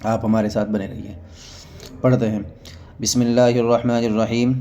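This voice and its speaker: A man's voice: mid-range voice, flat delivery, warm tone, slight background noise. A man teaching a beginners' reading lesson, patiently sounding out short words one at a time.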